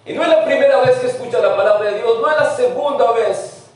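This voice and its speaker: High-voiced pastor preaching in echoing church. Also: male voice, brisk, recorded from a distance. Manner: mixes English words into Spanish preaching. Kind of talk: sermon. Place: church sanctuary. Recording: very echoey church from afar.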